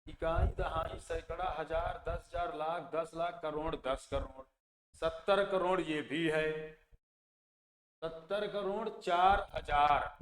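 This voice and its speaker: A man teaches math slowly, stepping through place values one by one. His voice sits a little high. The room is echoey with a long reverb and a faint hum of noise behind him. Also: fairly even intonation. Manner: slow, repeats place values and asks then answers his own questions. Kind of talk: exam-prep math lesson.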